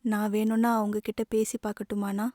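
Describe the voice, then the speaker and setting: A woman's voice: mid-range voice, level tone, normal speed, warm tone, dry recording, studio quality, natural voice. A woman voicing a caring, teasing teenage younger sister who questions her brother in a tearful, pleading way. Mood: gently reproachful.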